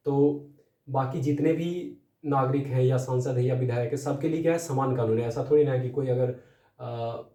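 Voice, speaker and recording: Young male tutor, patient and repetitive, dark mellow tone, echoey room sound. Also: medium pitch. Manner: explanatory, many fillers and tag questions. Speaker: teacher. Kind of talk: exam-prep lecture. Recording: echoey room, voice distant from mic.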